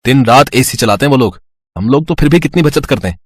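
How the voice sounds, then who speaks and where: A man voicing a breezy grown son in a cartoon, talking quickly and reassuringly. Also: mid-range voice, expressive, no room sound, studio quality, close to an everyday voice.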